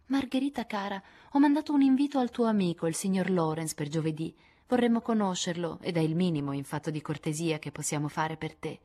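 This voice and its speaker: A woman's voice: on the low side, a little fast, hardly any pauses, dark tone, natural voice. A woman reading an audiobook, voicing an affected young society woman who speaks sweetly and condescendingly. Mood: sentimental. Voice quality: sweet, gushing.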